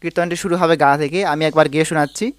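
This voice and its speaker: Racing along in a level, fairly high voice, this Bengali-accented man gives a harmonium lesson on a devotional song. He explains patiently and sings brief phrases as examples.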